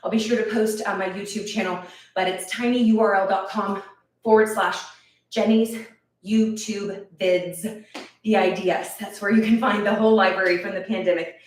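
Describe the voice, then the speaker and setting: A woman's voice: mid-range voice, fairly even intonation, moderate pace. A woman leading a live workout class, counting reps and cheering people on while out of breath. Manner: encouraging, counts reps aloud. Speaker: fitness instructor. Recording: echoey room, voice from a distance.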